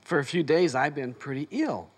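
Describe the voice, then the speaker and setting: Male seminar leader with a high speaking voice, a chatty storyteller who plays both sides of each exchange. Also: animated, moderate pace. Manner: anecdotal storyteller acting out both sides of conversations. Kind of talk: motivational seminar talk. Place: seminar room before an audience.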